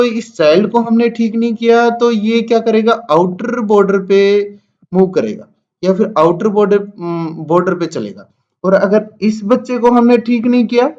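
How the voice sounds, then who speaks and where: A man's voice: high voice, darkish tone, highs cut off. A man teaching nursing students over slides, who repeats each point and asks and answers his own questions.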